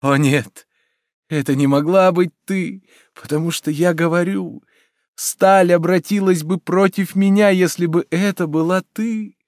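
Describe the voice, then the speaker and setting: A man's voice: sits high, fairly even intonation, measured pace, a little mellow, dry recording, studio quality, pitched above the performer's own voice. A man reading an audiobook and voicing a grief-stricken young prince with a trembling voice. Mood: trembling, anguished.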